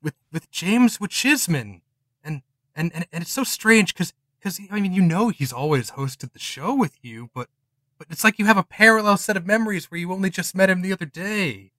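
A man acting as game master, improvising horror game narration in a halting way, often repeating words. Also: sits high, animated, fairly bright tone, no echo.

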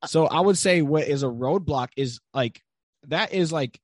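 A man's voice: a little high, unhurried, no echo, clean studio sound. A young man talking as a podcast guest in casual conversation, earnest and storytelling, with many filler words.

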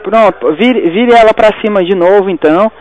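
A man, an emergency doctor giving steady, repeated step-by-step instructions over the phone. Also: high voice, normal speed, muffled recording.

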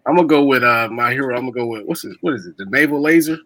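A man co-hosting a podcast, chatting in an amused, animated way. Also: mid-range voice, racing, dry recording. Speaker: podcast co-host. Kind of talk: casual chat.

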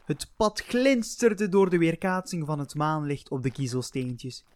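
A man's voice: a little high, very animated, unhurried, darkish tone, no room sound. A man narrating a fairy tale in a playful, chatty way, talking straight to the listener. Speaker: storyteller.

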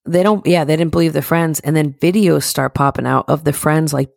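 Loose, rambling young woman with gravelly edges. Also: sits low, fairly quick, a little mellow, no room sound, studio quality. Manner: rambling storyteller, loose and profane. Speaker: podcast co-host. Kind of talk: casual chat.

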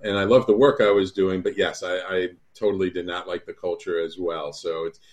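Low-voiced man hosting talk radio. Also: brisk. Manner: relaxed, hesitant fillers. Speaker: radio show host.

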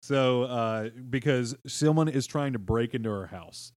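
A man's voice: mid-range voice, unhurried, no echo, clean studio sound. A man hosting a comedy podcast, telling folklore stories with lots of swearing and laughter. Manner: swearing, laughing, animated storyteller. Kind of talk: casual comedic storytelling.

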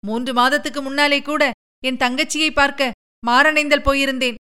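A woman's voice: high voice, steady tone, normal speed, sharp tone, voice pushed up. A woman voicing a protective, fond old nursemaid who talks in a coaxing, gossipy way.

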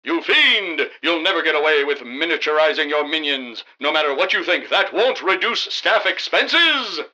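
Man as a high-ish, mock-heroic bumbling crime fighter. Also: very animated, normal speed, pushed and bright, lo-fi sound, heavily acted. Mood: triumphant. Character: earnest, bumbling, wisecracking male masked crime-fighting hero. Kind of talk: comic radio drama acting.

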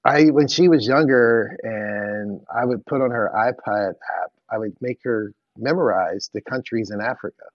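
A man in his forties co-hosts a podcast interview, chatting and asking long, rambling questions that he often restarts. His voice is fairly low and moves at a normal speed with hardly any pauses, on a dull, dry lo-fi recording with no room sound.

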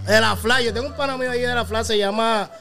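Upbeat high-voiced male co-host. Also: fast, vocal fry, pushed and bright, soft background music. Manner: upbeat, exclamatory. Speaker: podcast co-host. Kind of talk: casual interview chat.

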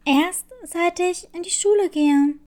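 A woman's voice: very high-pitched, slow pace, a little mellow. A sleepy little leopard girl, voiced by a woman. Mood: tired. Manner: tired, plaintive. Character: young girl leopard cub, sleepy and upset.

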